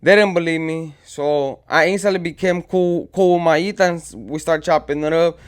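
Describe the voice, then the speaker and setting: A man tells a story from his own past in casual street slang, rambling along and acting out what his friends said. His voice is on the high side, with a clean tone and a moderate pace.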